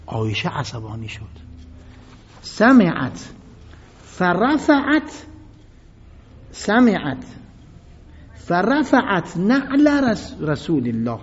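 A man's voice: medium pitch, creaky, slight background noise. A man giving a religious history lecture, reading Arabic passages and retelling them in a dramatic, emphatic way. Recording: reverberant hall, dull lo-fi sound.

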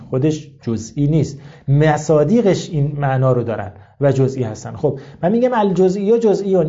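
A male cleric teaches seminary students in an informal lecture, talking candidly and working through ideas with rhetorical questions. His voice sits fairly high yet sounds very dark and mellow. The recording is dull and lo-fi.

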